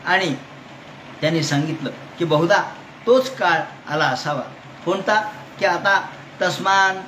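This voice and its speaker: A man's voice: sits high, bright, forceful tone. A man giving a devotional scripture discourse, chanting verses and then explaining them while he asks his listeners questions. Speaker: Bhagavata discourse speaker. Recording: echoey hall with faint noise.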